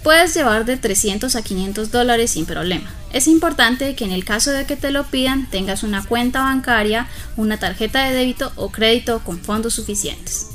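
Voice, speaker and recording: A woman's voice: on the high side, normal speed, few pauses, fairly bright tone, faint music behind. A woman co-hosting a language lesson, giving travel tips and repeating English phrases twice each. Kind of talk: teaching English phrases in Spanish.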